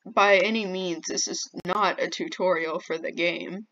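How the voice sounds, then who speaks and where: Woman gamer, unhurried pace, flustered and jumpy, dull lo-fi mic. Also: fairly low pitch, fairly even intonation, a bit bright. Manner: jumpy, easily flustered, exclaims often. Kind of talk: game commentary.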